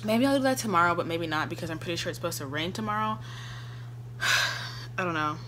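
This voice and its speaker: A woman's voice: fairly low pitch, lively intonation, quick pace, fairly bright tone, slight background noise. A young woman in a casual, rambling vlog, chatting to her viewers with easy laughs. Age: young adult. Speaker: vlogger. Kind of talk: casual chat.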